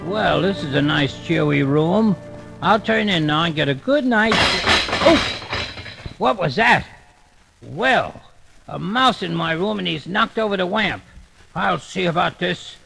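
A man's voice: high-pitched, expressive, measured pace, creaky, pauses often, music in the background, full character voice, poor audio. A man playing a fussy, gullible cartoon hotel guest who keeps complaining, in a vintage cartoon radio performance.

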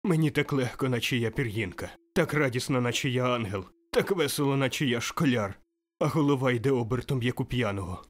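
A man's voice: medium pitch, a little fast, close to an everyday voice. Man playing an overjoyed old Scrooge. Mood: giddy, exultant. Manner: exclaiming, breathless, laughing. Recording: faint music behind.

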